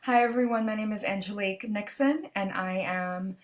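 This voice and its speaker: A woman from the Bahamas who teaches at a university introduces herself to an online panel. Her voice sits mid-range as she speaks in a measured way over a video call. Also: medium pitch. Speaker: lecturer and researcher. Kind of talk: self-introduction on a virtual panel.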